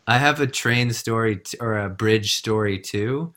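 Man, low-pitched, casual conversational partner, friendly reactions. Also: unhurried, a bit bright. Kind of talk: casual chat.

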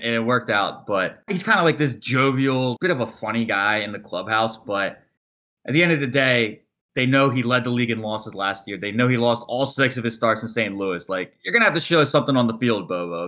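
Guy on a podcast spinning a yarn, bright forceful voice, does little voices for quotes. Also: medium pitch, a little fast. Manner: animated storyteller, acts out quotes. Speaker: podcast co-host. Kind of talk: casual storytelling chat.

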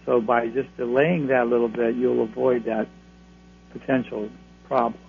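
Creaky-voiced man advising over a tinny phone. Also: medium pitch, flat delivery, normal speed. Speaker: card-reading astrologer, radio guest. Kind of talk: conversational advice to callers. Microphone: telephone. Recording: thin phone line, humming noise.

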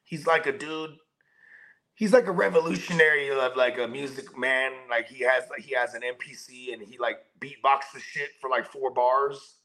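A man's voice: medium pitch, steady tone, moderate pace, bright, forceful tone. A man co-hosting a podcast, telling stories in slangy casual chat and laughing often. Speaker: podcast co-host.

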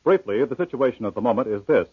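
An American newsman delivers a measured 1940s radio report. His medium-pitched voice is rough-edged and husky, heard through a narrow, tinny old broadcast. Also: animated, no echo. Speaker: radio news editor reading a report.

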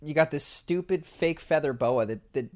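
A man's voice: a little high, normal speed. A young man co-hosting an advice podcast, telling stories in casual chat and laughing often. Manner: laughs often, animated storytelling. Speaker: podcast co-host.

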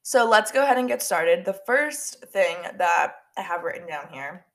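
A woman's voice: fairly low pitch, animated, moderate pace, fairly bright tone. A young woman hosting a casual solo podcast, talking in a chatty way full of "like" and repeated words, her voice stuffy and nasal from allergies. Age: young adult. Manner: chatty, filler-heavy with lots of "like" and repeats. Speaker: podcast host.

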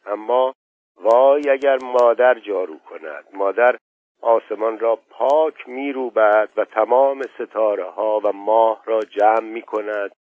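A man's voice: fairly low pitch, close to an everyday voice. A man voicing an Irish man telling a dreamy tale over a drink, in a lyrical, musing manner. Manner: wistful, lyrical storytelling. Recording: dull, dry lo-fi audio.

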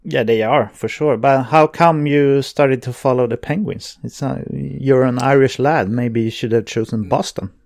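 A Swedish man with a Swedish accent, a guest chatting casually in his second language, halting and searching for words. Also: medium pitch, creaky, a little mellow, dry recording, studio quality. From Sweden. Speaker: podcast guest. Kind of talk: casual chat.

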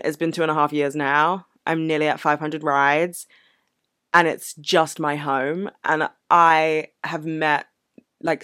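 A woman's voice: sits low, sharp tone, smooth, no echo, studio quality. A woman vlogger telling a personal story in a candid, earnest, casual way. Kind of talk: casual reflective Q&A vlog.

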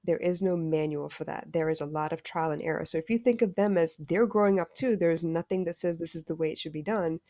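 Middle-aged woman guest, candid storyteller, lowish voice, dry close sound. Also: fairly quick, hardly any pauses, warm tone, no room sound. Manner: frank and reflective, occasional cursing. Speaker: podcast guest, stepmother. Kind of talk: candid storytelling about parenting.

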